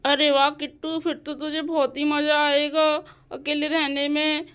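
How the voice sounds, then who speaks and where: A woman's voice: high voice, level tone, unhurried, fairly bright tone. A woman voicing a gossipy girl friend in a doll-house cartoon story, talking wistfully. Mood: envious. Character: envious chatty girl friend Pinky.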